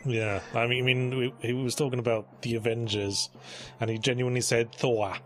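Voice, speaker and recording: A man's voice: mid-range voice, level tone, fairly quick, soft background music. A man giving casual gaming commentary, sardonic and profane, riffing dryly on what is on screen.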